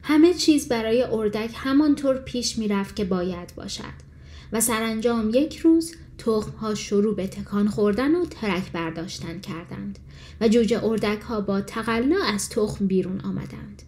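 A woman reading a fairy tale as an audiobook narrator, in calm, measured storytelling. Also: medium pitch.

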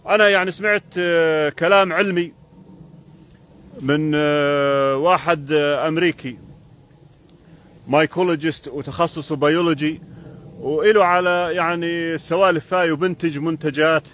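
A man's voice: a little high, fairly even intonation, normal speed, pauses often, a bit bright. A man with a Jordanian Arabic accent chatting casually on a live stream while foraging outdoors in a forest, keeps pointing things out to the viewer.

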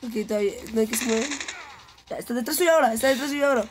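A woman coaching a beginner through a mobile shooter, giving rapid instructions. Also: a little high, over music. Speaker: game coach. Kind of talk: coaching gameplay.

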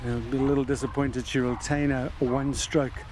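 A man's voice: medium pitch, flat delivery, normal speed. A man working as a golf commentator, describing tournament shots as they happen. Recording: clear outdoor background noise. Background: outdoor course ambience.

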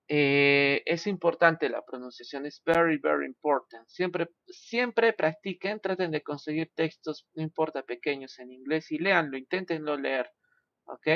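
A slow, deliberate male teacher running an online English class. His voice is gravelly and sits a bit high. It comes through the dull, lo-fi sound of a video call. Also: no room sound. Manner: switches between Spanish and English, slow and careful, repeats "ok".

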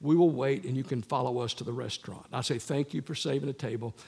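A man's voice: mid-range voice, fast talker, gravelly, slightly rough. An older man preaching a sermon, telling stories from his years as a counselor and acting out the voices of the people in them. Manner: animated storyteller acting out quoted voices. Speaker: guest preacher and former counselor. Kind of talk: storytelling sermon. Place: large church sanctuary. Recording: long reverb of a large church hall.

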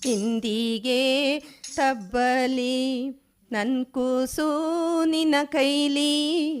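An actress playing a young daughter-in-law who speaks in sorrowful, lilting village dialect in a radio drama. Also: female voice, high voice, smooth. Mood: lamenting. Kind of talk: radio drama acting and folk-song singing.

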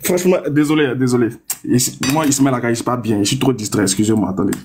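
A young man in a combative live-stream debate, taunting his opponents and reading a source text aloud slowly and deliberately. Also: mid-range voice, a little mellow, slight background noise. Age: young adult.

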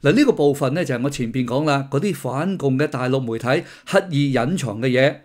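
A man's voice: mid-range voice, lively intonation, brisk. A middle-aged man, hosting a casual political commentary with sardonic, mocking asides. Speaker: host of a commentary channel.

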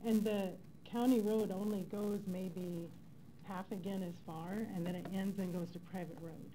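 A middle-aged woman, a local resident, speaks steadily at normal speed in a medium-pitched voice. She gives informal public comment at a public hearing, using a gooseneck podium microphone in a council chamber. Faint background noise from the meeting room can be heard.

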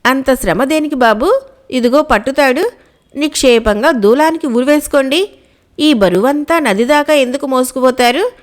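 Woman reading sly male cook, meek and servile, high voice. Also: lively intonation, moderate pace. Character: crafty male household cook.

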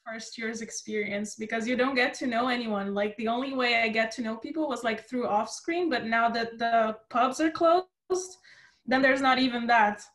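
Young student from Brazil, candid and fed up, higher pitch, roomy call sound. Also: female voice, normal speed, a bit bright. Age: young adult. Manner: frank, frustrated venting. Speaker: first-year student. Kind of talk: casual video call chat. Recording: roomy video call audio.

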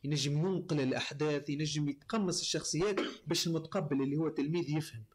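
Talking very fast in a slightly high voice with a breathy edge, a Tunisian-accented voice-over artist guests in a casual interview. He explains his craft point by point, filling his speech with many fillers.

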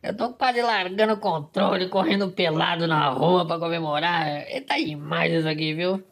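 An overexcited man narrates his hunting game play by play. He talks in bursts of exclamations and keeps calling out to his audience, his emotional energy running high all the way through. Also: moderate pace, fairly bright tone. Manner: exclamatory, emotional, fills lines with "rapaz". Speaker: gaming channel host. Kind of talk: excited hunting-game commentary.

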